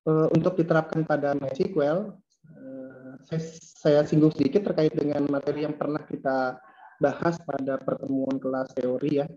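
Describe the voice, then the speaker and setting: A man with a hoarse voice giving an online lab lecture, hesitating with many fillers and clearing his throat often. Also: fairly high pitch, steady tone, normal speed, mellow. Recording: dull lo-fi online call audio.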